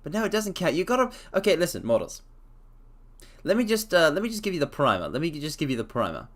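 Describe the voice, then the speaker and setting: Talking fast and very animated, a man with a slightly high voice chats on a live stream. He's theatrical and playful, refers to his listeners as "mortals," and hums softly between phrases.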